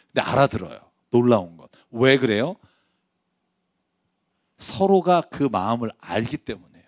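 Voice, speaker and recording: A man preaching a sermon as pastor, conversational and lively, asking his listeners rhetorical questions. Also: medium pitch, dry recording, studio quality.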